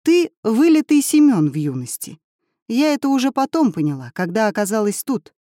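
A calm, cheerful older schoolteacher, as a woman reading the story puts her on. She speaks in a kindly, brisk way with a lively, rising and falling pitch. The mellow, dry sound sits close to the mic. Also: no echo. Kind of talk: audiobook character voice.

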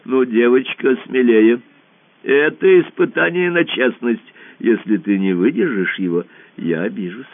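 A man's voice: mid-range voice, a little slow, no echo, lightly acted. A man voicing a cruel alien emperor who talks in a falsely sweet, coaxing way and now and then hisses threats. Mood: indignant. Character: sly cruel smooth-talking male alien emperor. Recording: tinny phone-like radio audio.

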